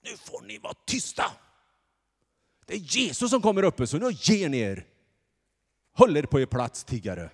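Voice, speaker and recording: A preacher voicing a crowd of bystanders who sternly tell others to be quiet, in a reverberant church. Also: male voice, on the high side, huge pitch swings, husky, voice pushed up, exaggerated voice. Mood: scolding. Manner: stern, hushing.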